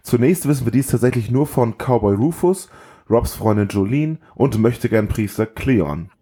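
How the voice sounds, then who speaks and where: A man's voice: mid-range voice, lively intonation, moderate pace, warm tone, husky. A man narrating a film recap in a wry, sarcastic way. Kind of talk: scripted narration.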